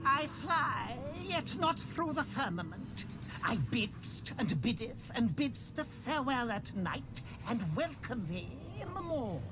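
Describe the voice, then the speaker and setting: An actress voicing a whimsical talking skull in a video game, posing riddles in theatrical, archaic English. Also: female voice, high voice, sing-song, noisy background, full character voice. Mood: delighted, riddling. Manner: theatrical, archaic, drawn-out delivery. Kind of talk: video game character acting.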